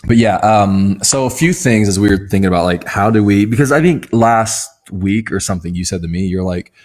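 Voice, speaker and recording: A man's voice: on the low side, fairly quick, a little mellow. A man in his forties co-hosting a casual live-stream chat with his wife, joking and reading out viewer comments. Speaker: co-host.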